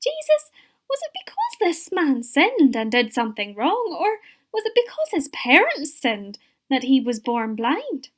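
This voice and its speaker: A woman's voice: high voice, huge pitch swings, unhurried, voice pushed up, heavily acted. A woman voicing the puzzled disciples asking a question in a children's Bible story. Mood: curious.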